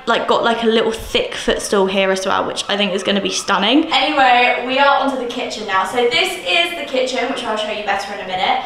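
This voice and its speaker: Showing off her new flat for a casual vlog, a bubbly woman in her twenties chats away excitedly, her voice pitched fairly high. The place is mostly empty, so her handheld camera's mic picks up a lot of echo from the bare rooms indoors.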